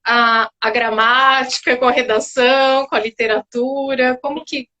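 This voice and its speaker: A woman's voice: high voice, fairly even intonation, normal speed, bright, forceful tone, lo-fi sound. A woman interview host with a Brazilian Portuguese accent, encouraging her guest and asking long rambling questions. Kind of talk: interview conversation.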